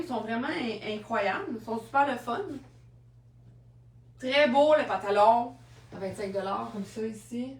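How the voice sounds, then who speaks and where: A woman's voice: a little high, recorded from a distance, slight background noise. A woman with a Québécois French accent, chatting and telling stories while showing second-hand clothes on a live stream. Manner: chatty, storytelling, laughs often. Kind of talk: live-stream selling chat. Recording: roomy sound from off-mic.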